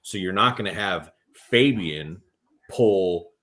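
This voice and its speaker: A man hosts a casual armwrestling podcast, telling stories in a loose, profane, animated way and acting out quotes. His voice sits low, and he takes his time.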